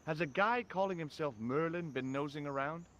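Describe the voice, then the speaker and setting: A man voicing a wry, curious young hero in a video game, questioning people with a lively delivery. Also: on the high side, normal speed, slight background noise, close to an everyday voice.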